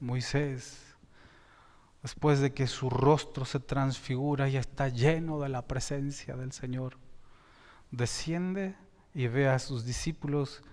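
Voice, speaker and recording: A man preaching a sermon as a pastor, slow and emphatic, with sudden rises in volume and frequent self-corrections. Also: medium pitch, a little mellow. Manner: repeats and corrects himself mid-sentence. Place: church sanctuary. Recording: long reverb in a church hall.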